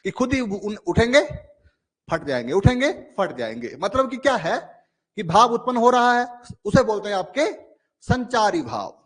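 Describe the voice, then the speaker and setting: High-voiced man teaching a lively class. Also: normal speed. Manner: explains with everyday examples, keeps asking "ठीक है?"; acts out little inner dialogues in a lowered voice. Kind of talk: online exam-prep lecture.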